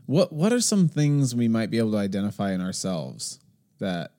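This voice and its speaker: A man's voice: on the low side, sing-song, moderate pace, warm tone. A man co-hosting a casual talk show, ranting animatedly and acting out what other people say. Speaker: podcast co-host. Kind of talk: casual conversation.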